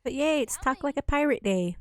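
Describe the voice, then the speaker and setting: Streaming a game from home, a woman with a high-sitting, lively voice rambles briskly in casual gameplay commentary, laughing often between thoughts. She's using a desk microphone with headphones.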